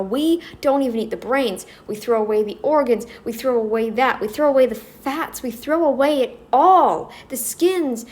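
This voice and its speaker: A woman's voice: sits high, a little mellow. A North American woman rambling through an emphatic opinion commentary, speaking straight to her viewers. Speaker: commentary vlogger.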